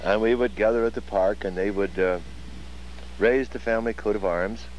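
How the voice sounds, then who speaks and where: Low-voiced old guy in his 80s from iowa, measured storytelling, bit of hiss. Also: fairly even intonation, a little mellow, lo-fi sound. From Iowa, USA. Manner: articulate, measured storytelling with fillers. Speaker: interviewee. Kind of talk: oral history reminiscing.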